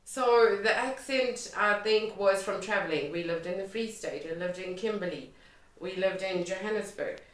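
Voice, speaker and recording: Recorded on a distant mic in an echoey room, this Sotho-speaking woman from Lesotho and South Africa has a medium-pitched, fairly bright voice and a moderate pace. She's a music and poetry artist being interviewed conversationally about her life.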